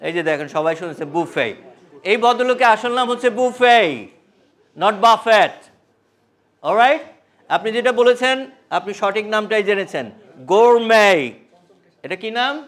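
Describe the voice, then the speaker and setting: A man with a high voice leads a live training session. He is animated and fires questions at the room, slipping between Bengali and English as he teaches. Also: moderate pace, pauses often. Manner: animated, quizzes the audience, mixes English into Bengali. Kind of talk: live classroom workshop.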